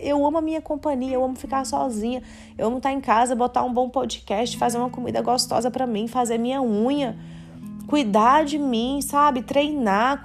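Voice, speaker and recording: Brazilian woman, late twenties, high voice, heartfelt podcast monologue, soft guitar behind. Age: late 20s. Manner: earnest, confessional, slangy with "mano" and "cara", faith-centered. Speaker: podcast host. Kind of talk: candid personal monologue.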